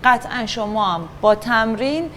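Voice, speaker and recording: A woman teaching a children's acting class, patient and encouraging, giving instructions and asking the class to keep quiet and pay attention. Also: a little high, animated, slight background noise.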